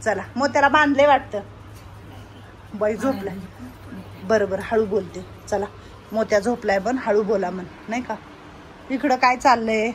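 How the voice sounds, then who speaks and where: A woman giving a casual walk-around vlog of an old age home she runs, chatting and loudly coaxing the residents. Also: fairly high pitch, normal speed, pauses often, a little hiss or hum.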